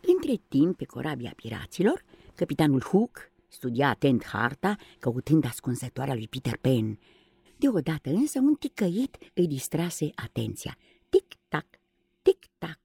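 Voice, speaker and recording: Husky low-voiced woman reading a storybook. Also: no room sound. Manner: expressive, dramatic. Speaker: audiobook reader. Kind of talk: storybook narration.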